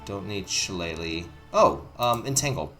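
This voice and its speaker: A man's voice: low-pitched, expressive, measured pace, bright, forceful tone. A man hosting a casual game playthrough, thinking aloud in a rambling way over music. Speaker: gaming video host.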